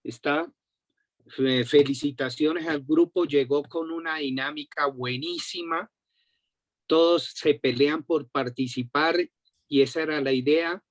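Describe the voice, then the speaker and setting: A man wrapping up a group meeting with slow, encouraging, slightly hesitant remarks. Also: on the high side, steady tone. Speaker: meeting facilitator.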